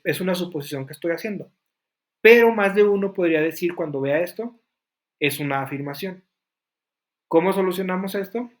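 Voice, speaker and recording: A man teaching a class, explaining points step by step and asking students questions. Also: fairly high pitch. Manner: explanatory, asks the class questions, frequent fillers. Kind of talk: classroom lesson.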